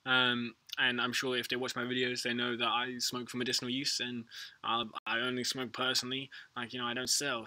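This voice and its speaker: Pushed and bright, this mid-range male voice comes through poor audio with no echo. He's a British livestream host rambling casually while answering viewers, talking in a relaxed, slang-heavy, sweary stoner style.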